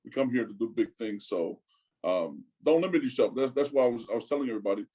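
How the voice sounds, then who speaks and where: This interview guest, a man from Tonga in his forties, sounds animated, husky, and dark-toned at medium pitch, though the recording is low quality. His casual talk is halting, and he repeats words and peppers his sentences with "man."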